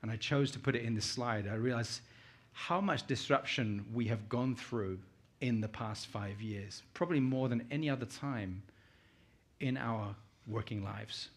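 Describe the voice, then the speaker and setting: Speaking at a measured pace in a mid-range voice, a middle-aged man with a British accent addresses a conference as a guest. He keeps things informal and chatty, telling personal anecdotes and questioning the audience; he's from the United Kingdom but was born in Uganda.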